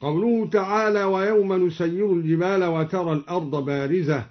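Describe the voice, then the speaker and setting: A man reciting scripture in slow, melodic chant, with spoken notes explaining variant readings between passages. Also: high voice, steady tone. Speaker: Quran reciter. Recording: dull lo-fi old radio recording.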